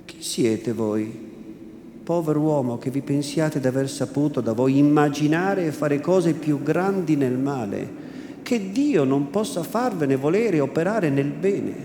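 A man voicing a solemn, humble bishop who speaks calmly and deliberately, as a theatrical reading. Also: on the high side. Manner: solemn, calm, slow and deliberate. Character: solemn elderly male bishop, gentle and humble. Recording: echoey room with background noise.

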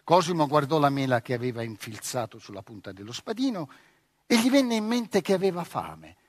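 A man narrating a novel in an expressive storytelling manner, close to the mic. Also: a little high, fairly quick, no room sound. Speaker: audiobook reader. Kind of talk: scripted literary narration.

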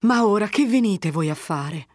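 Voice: medium pitch, expressive, darkish tone, dry recording, clean studio sound, pitched above the performer's own voice, close to an everyday voice. A reader voicing an anxious older village mother. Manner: worried, pleading, rapid questions.

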